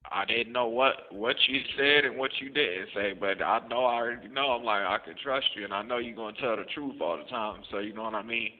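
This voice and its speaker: A man's voice: mid-range voice, a little fast, hardly any pauses. A man talking on a prison phone call, pleading and repeating himself to check he is heard. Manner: pleading, repeats "you hear me". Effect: prison phone call audio. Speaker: inmate on a call. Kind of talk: casual phone conversation. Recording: tinny jail phone line with reverb and faint music.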